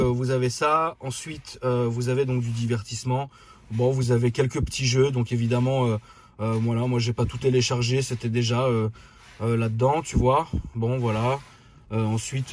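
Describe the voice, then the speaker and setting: A man telling a story casually in a vlog, chatty and animated with many fillers, then showing off his car from inside it. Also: mid-range voice, a little hiss or hum. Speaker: car vlogger.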